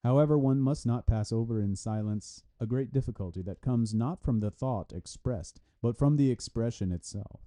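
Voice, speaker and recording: Here a man reads an academic philosophy review translated into his language, speaking at normal speed with few pauses. His medium-pitched voice has a dark tone, and his formal reading includes spoken punctuation and citations.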